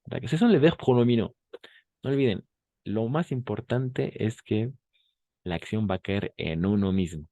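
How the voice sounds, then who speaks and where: A man's voice: fairly low pitch, expressive, moderate pace, warm tone, no room sound. A male French teacher giving a bilingual lesson, patiently repeating each phrase and often checking that the class understands.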